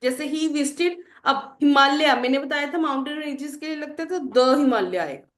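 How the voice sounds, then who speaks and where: A woman's voice: high-pitched, normal speed, a bit bright. A woman teacher explaining English grammar to students, asking the class questions and answering them herself. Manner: addresses students as children. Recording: roomy echo.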